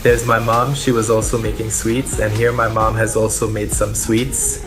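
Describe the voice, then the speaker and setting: A man's voice: fairly low pitch, little pitch movement, normal speed. A man vlogging casually, commenting on food and family for his viewers. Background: music, clinking dishes.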